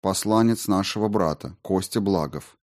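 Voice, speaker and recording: A man reading an audiobook, voicing a composed tsaritsa who speaks in a measured, sorrowful way. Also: sits low, a little mellow, close to an everyday voice. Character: grave, composed fairy-tale tsaritsa.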